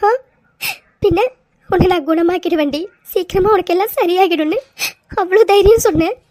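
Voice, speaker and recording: A woman voicing a very high, gentle heroine. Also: normal speed, no echo, clean studio sound. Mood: pleading. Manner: soft, pleading, tearful, calls him Hitler fondly. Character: gentle forgiving young woman, injured and bedridden. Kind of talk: cartoon voice dubbing.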